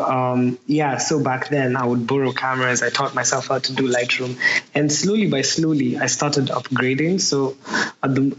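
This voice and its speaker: Kenyan guy in his 20s chatting in an interview, says like a lot, roomy dull sound w faint noise. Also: medium pitch. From Nairobi, Kenya. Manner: chatty, frequent use of "like". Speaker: photographer being interviewed. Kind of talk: casual interview talk.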